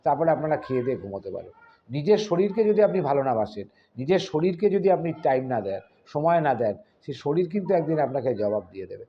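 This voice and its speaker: A man's voice: a little high, big pitch swings, fast. A man talking earnestly to his viewers as an astrologer, explaining at length with fillers and restarts. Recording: slightly dull, faintly noisy.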